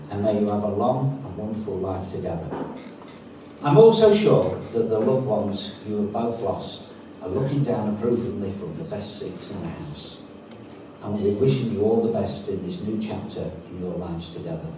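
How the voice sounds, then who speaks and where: A man's voice: on the low side, expressive, moderate pace. A middle-aged man giving a wry, jokey father-of-the-bride toast at a wedding. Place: large echoey wedding venue with guests. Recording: very echoey, noisy room, distant mic.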